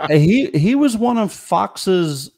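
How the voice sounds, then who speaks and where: Using a studio mic on a video call, a middle-aged comedy writer appears as a guest from a small home room, storytelling casually with frequent laughter and restarts. His voice is high-pitched and gravelly, with a darkish tone.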